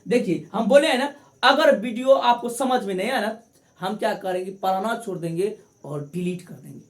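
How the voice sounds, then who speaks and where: A woman's voice: mid-range voice, moderate pace, echoey room. A woman teaching math to viewers she calls friends, repeating each step and asking and answering her own questions. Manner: addresses viewers as friends, coaxing. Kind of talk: classroom-style tutorial to camera.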